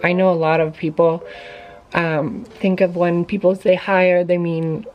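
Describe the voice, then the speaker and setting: A woman's voice: fairly low pitch, little pitch movement, measured pace, lo-fi sound, soft background music. A woman vlogger talking casually to camera, sharing tips in an informal, chatty way with many fillers.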